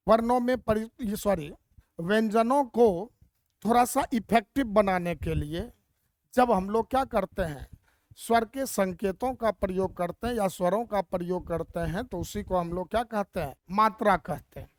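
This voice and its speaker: A woman's voice: mid-range voice, no room sound. A woman teacher explaining Hindi grammar step by step and asking rhetorical questions as she goes.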